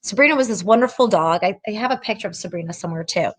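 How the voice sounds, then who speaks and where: A woman's voice: mid-range voice, expressive, racing. A middle-aged woman who trains dogs, giving direct, chatty advice in a casual talk and telling stories along the way. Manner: chatty, direct, anecdotal, emphatic. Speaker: dog trainer hosting a Q&A.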